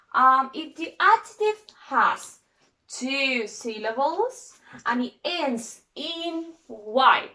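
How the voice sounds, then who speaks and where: A woman's voice: sits high, bright, forceful tone. A woman teaching an English grammar lesson, spelling out letters one at a time and checking in with "okay?" after nearly every phrase.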